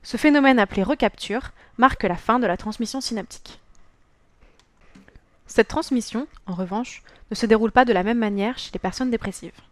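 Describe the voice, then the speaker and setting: A woman's voice: a little high, brisk, no room sound. Teen girl reading a school presentation. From France. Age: teenager. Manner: reads a prepared text in an even, careful tone. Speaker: student presenter. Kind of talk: scripted voice-over narration.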